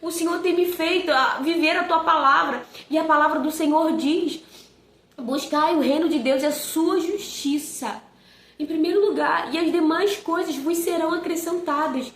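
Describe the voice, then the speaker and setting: A woman's voice: sits high, normal speed, a bit bright. A young woman telling a personal faith testimony in an earnest, emotional way, often asking "sabe?". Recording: echoey room with faint noise.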